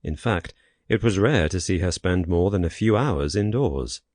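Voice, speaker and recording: A man with a very deep voice reads a horror audiobook in the first person. His delivery is measured, with dry, wry touches. The close, dry recording has no room sound. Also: expressive, a little mellow, no echo. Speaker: audiobook narrator. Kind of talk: scripted horror narration.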